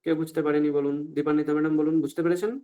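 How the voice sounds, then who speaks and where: A man teaching Sanskrit pronunciation in an online class, often stopping to ask if everyone follows and saying the examples out slowly. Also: fairly high pitch, flat delivery, dark tone. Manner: asks the class frequent check-up questions, slow deliberate recitation of examples.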